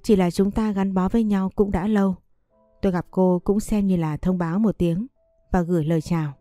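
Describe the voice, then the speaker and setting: A woman reading as a calm older woman doctor. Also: medium pitch, fairly quick, no room sound, faint music behind, lightly acted.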